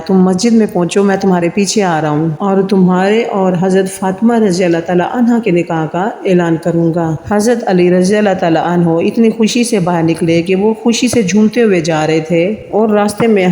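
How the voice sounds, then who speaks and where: A reverent storytelling voice with a dark, mellow tone, reading a scripted account at an even, steady pace. The sound carries a long, roomy reverb, as if it were recorded in a large echoing space. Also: mid-range voice. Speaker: narrator of religious history stories. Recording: reverberant, echoey room with long tail.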